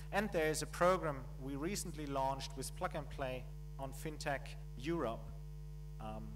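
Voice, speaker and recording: A man giving a keynote at a conference, speaking in measured phrases with pauses and fillers. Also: mid-range voice. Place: conference hall. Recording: mains hum in background.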